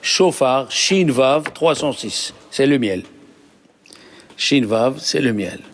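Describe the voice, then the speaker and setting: A man's voice: mid-range voice, expressive, slow. A man, a rabbi, teaching a Torah class, asking the class questions and explaining patiently. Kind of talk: lively Torah lesson.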